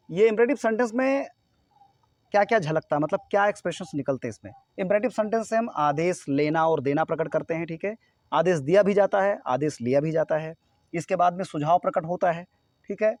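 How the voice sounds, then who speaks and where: A man's voice: on the high side, a little mellow, no room sound. A man from India teaching a grammar lesson to students, explaining step by step and often checking that they follow.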